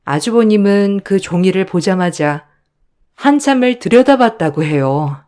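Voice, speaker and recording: A woman reads a dramatic story aloud in the first person. She tells it in a confiding, expressive voice, as if sharing a shocking family episode with a listener. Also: medium pitch, measured pace. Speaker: story narrator.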